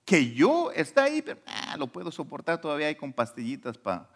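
A man preaching a sermon as pastor. He swings from quiet asides to loud emphasis and keeps asking the congregation questions. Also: fairly high pitch, huge pitch swings, a little fast. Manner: conversational, asks the congregation questions.

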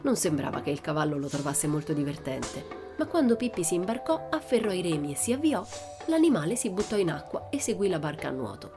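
A woman narrating a children's storybook in a steady, even storytelling manner. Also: on the low side, a little fast, music in the background. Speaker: audiobook narrator. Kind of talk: storybook reading.

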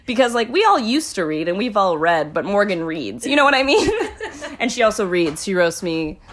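Young female podcast host, mid pitch, highly animated; giggly, rambling, sweary friend chat. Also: moderate pace, slight background noise. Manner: giggly, breaks into laughter often. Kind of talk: casual chat introducing friends.

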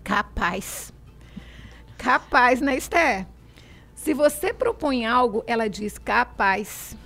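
A woman's voice: fairly high pitch, animated, slow pace, a bit bright. A woman with a Minas Gerais accent hosting a talk show, reading a text aloud and chatting playfully with her guest, often laughing and imitating local sayings. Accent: Brazilian Portuguese from Minas Gerais. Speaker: host. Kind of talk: reading aloud and casual chat.

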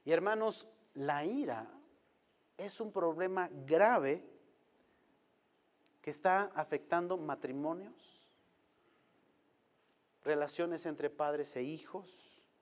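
A middle-aged pastor preaches in a slightly high voice, chatty and full of quick rhetorical questions. His sermon echoes with a long reverb through a church hall.

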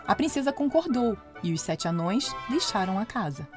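A woman narrating a children's fairy tale in an expressive, playful way. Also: a little high, moderate pace. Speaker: storyteller. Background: soft music.

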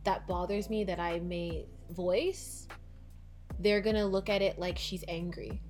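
Laid-back young woman guest, calm easy talk, faint music behind. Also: lowish voice, measured pace. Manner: easygoing, calm, filler-heavy. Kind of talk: casual chat.

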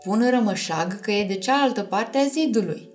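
A woman's voice: mid-range voice, lively intonation, faint music behind, natural voice. A woman reading a storybook aloud and voicing Ariel, an emotive, caring young mermaid princess. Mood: tender.

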